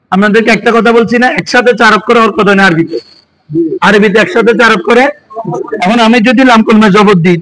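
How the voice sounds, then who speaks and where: In a rough recording, a man with a Bangladeshi Bengali accent and a high-pitched, slightly bright voice teaches a classroom lesson. He keeps quizzing his students with questions as he explains.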